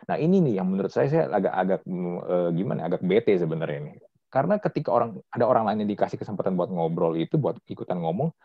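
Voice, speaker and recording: A man hosting a casual podcast chat, telling things in an animated, chatty way with slang. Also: sits low, fast, husky, no room sound. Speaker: podcast host. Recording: dull, dry lo-fi sound.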